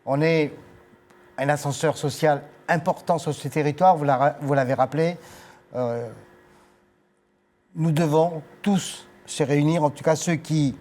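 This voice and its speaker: Here the departing agency director sits as a guest in a TV studio, an older man whose fairly high voice has a darkish tone. He is unhurried and pauses often, keeping a formal manner broken by many hesitations.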